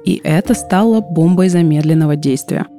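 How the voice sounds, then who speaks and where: A woman's voice: low voice, moderate pace, dark tone. A woman reading scripted, explanatory documentary narration. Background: background music.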